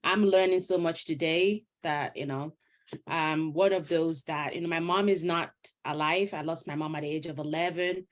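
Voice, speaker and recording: A middle-aged woman hosting a casual chat, speaking gently and without hurry. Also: low voice, steady tone, normal speed. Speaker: host.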